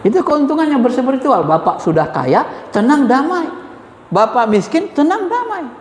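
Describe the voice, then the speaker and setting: A man giving an informal Islamic spiritual lecture, emphatic and animated, repeating key words and addressing his listeners directly. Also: extremely high pitch, moderate pace, a little hiss or hum. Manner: addresses listeners as "Pak", chuckles. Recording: echoey hall with faint ambience.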